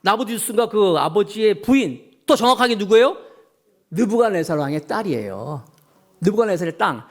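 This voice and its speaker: A middle-aged male pastor giving a sermon, telling the story in an animated way and putting questions to the congregation. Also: high voice, moderate pace.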